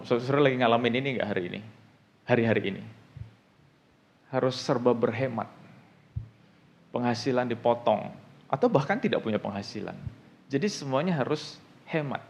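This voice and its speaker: A man preaching a sermon in an animated way, often asking the congregation rhetorical questions, with an Indonesian accent. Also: medium pitch, gravelly. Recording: dull lo-fi sound.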